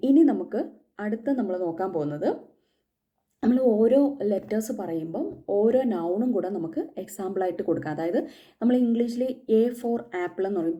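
A woman with a very mellow, warm voice teaches the alphabet. She talks casually and patiently, saying each letter twice so it sticks. Her pitch sits in an ordinary middle range. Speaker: German language teacher. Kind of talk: casual spoken lesson.

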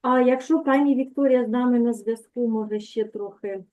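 Patient woman teacher, lightly high voice, on a thin video-call line. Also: fairly quick, a little mellow. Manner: patient, explanatory, frequent "так?" checks. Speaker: Polish language teacher. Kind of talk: online language lesson. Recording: tinny phone-like call audio.

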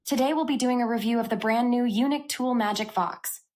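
Woman tech host, software tutorial, upbeat, step-by-step. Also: a little high, a little fast, slight background noise. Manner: upbeat, walks through menus step by step.

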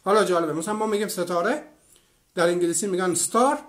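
A man in his fifties from Iran gives an online lecture. He explains at an even pace, offers many examples, and stops to answer comments from viewers. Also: high voice. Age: 50s. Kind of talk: online lecture with live chat.

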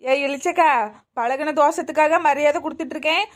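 A woman's voice: high-pitched, steady tone, brisk, natural voice. A woman voicing a young unmarried woman in a cartoon who complains and whines, with a Kanyakumari Tamil accent. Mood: grumbling. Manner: complaining, whiny. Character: young unmarried woman, grumbling and put-upon. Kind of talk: cartoon voice acting.

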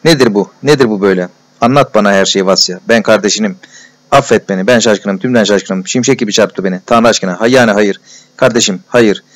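An impulsive, warm young man from a storybook, firing off excited, disbelieving exclamations, as a man puts him on. The voice is on the low side. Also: a little fast, natural voice.

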